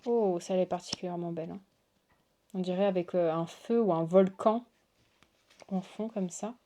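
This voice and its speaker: A woman's voice: lowish voice, steady tone, normal speed, mellow, a little hiss or hum. A woman hosting a casual unboxing chat, gushing and exclamatory as she shows cards to her viewers. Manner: gushing, exclamatory, lots of waouh and oh là là. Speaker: tarot reader and channel host.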